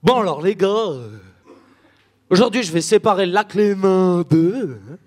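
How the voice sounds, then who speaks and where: A bumbling Swiss Moses, played by a man, addresses his people in a Swiss French accent. He tacks a filler onto nearly every phrase. His voice sits high. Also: lively intonation, normal speed. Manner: hesitant, with a filler after each phrase.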